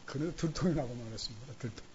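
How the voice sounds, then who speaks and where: A man's voice: mid-range voice, rapid-fire, darkish tone, dull audio, slight background noise. A man preaching a Sunday sermon in a church, telling a story animatedly and acting out the voices of church members. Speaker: pastor. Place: church sanctuary during Sunday service.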